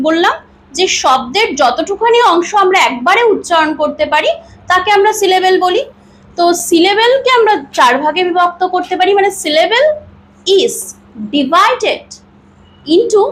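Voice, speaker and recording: A woman teaching an English grammar lesson, asking and answering her own questions and drawing out example words slowly syllable by syllable. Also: extremely high pitch, a bit bright, poor audio. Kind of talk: classroom-style grammar lesson.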